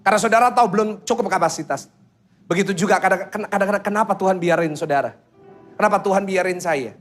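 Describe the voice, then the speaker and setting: A man preaching a sermon as pastor, telling stories, acting out children's voices, and quizzing the congregation with quick questions. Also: high voice, fairly bright tone, soft background music. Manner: storytelling that acts out children's voices.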